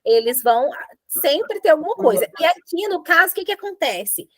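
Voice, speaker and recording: A woman with a Brazilian Portuguese accent teaching an English grammar lesson, explaining in a playful, animated way with jokes. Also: extremely high pitch, normal speed, dry recording, clean studio sound.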